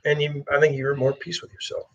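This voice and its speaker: Talk radio co-host, conversational, slightly high voice, lo-fi sound. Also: male voice, little pitch movement, quick pace. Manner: conversational, repeats words while thinking. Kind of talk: casual chat, reading listener comments. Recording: dull lo-fi sound.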